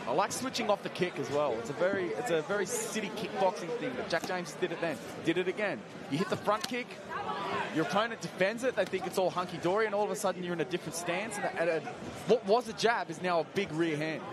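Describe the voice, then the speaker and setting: A man's voice: high voice, quick pace. A man giving live play-by-play and analysis as a commentator at a cage fight. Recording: loud crowd behind the commentary.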